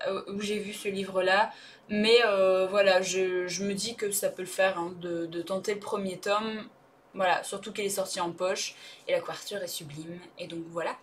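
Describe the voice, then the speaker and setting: A woman's voice: mid-range voice, a bit bright. A woman book vlogger talking casually about books she wants to read, hesitant and chatty with lots of fillers and restarts. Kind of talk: casual vlog chat.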